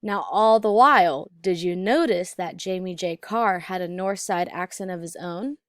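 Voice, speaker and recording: A woman narrating an instructional lesson as an accent teacher, enunciating deliberately. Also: on the low side, fairly bright tone, no echo, clean studio sound.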